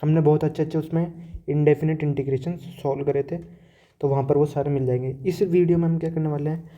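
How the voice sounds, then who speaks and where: A man's voice: fairly high pitch, dark tone. A man teaching calculus step by step, explaining problems while he writes and mixing English math terms into his speech. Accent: Hindi-speaking Indian. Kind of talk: whiteboard lecture, step-by-step explanation.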